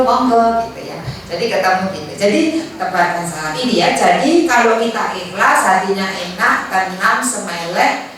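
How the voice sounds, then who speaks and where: A woman's voice: mid-range voice, fairly bright tone. A woman with a Javanese accent teaching an Islamic study session, chatty, acting out little dialogues and mixing in Javanese phrases. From Indonesia. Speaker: religious teacher. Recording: echoey hall, far mic, faint noise.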